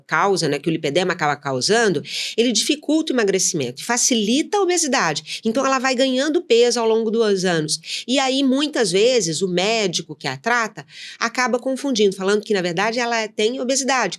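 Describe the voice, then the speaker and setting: A woman, a nutritionist, explaining things patiently in an interview and checking in with her listener as she goes. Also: medium pitch. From São Paulo, Brazil. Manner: didactic, lists points and checks in with "tá?". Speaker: nutritionist guest.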